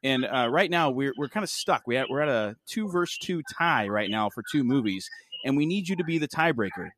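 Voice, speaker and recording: Animated, swearing podcast co-host man. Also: mid-range voice, brisk, no room sound. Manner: loose, profane, laughs often. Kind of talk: casual podcast banter.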